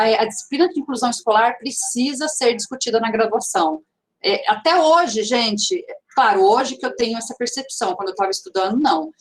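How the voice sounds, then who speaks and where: A woman with a mixed regional Brazilian accent speaks in a chatty, conversational way over a video call, full of fillers and restarts, as she answers questions at an online seminar. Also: fairly high pitch. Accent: mixed regional Brazilian Portuguese accent.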